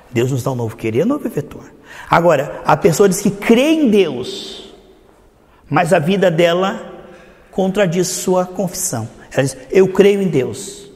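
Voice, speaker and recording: A man with a high-pitched voice preaches to his congregation as their pastor. He plays out little back-and-forth scenes to drive home each point. His voice rings with the long reverb of a church hall. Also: darkish tone. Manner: preaching with acted-out dialogues. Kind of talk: sermon.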